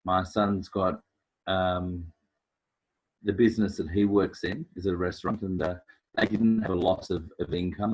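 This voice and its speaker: Deep-voiced middle-aged salon owner, rambling chat, glitchy dull call line. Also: male voice. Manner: rambling, with restarts. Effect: glitching audio that breaks in and out. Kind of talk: casual group chat. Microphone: video call. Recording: dull lo-fi video call audio.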